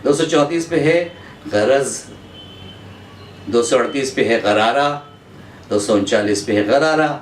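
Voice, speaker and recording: A man from India teaching an Urdu pronunciation lesson, going through words in a measured way, repeating each one and pausing on drawn-out "uh" fillers. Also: mid-range voice, distant mic. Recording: echoey room, voice off-mic, faint background hum.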